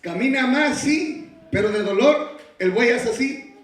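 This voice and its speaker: A male pastor preaching a sermon, moving from quiet storytelling to shouted exhortations and rhetorical questions. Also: very high voice, lively intonation, measured pace. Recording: very echoey church hall, preacher far from the mic.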